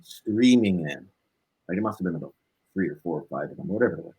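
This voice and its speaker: Deep, husky and fast, this male voice belongs to a blues musician being interviewed, captured in poor audio. He spins lively personal anecdotes, voicing the dialogue himself and tacking "right?" onto his phrases.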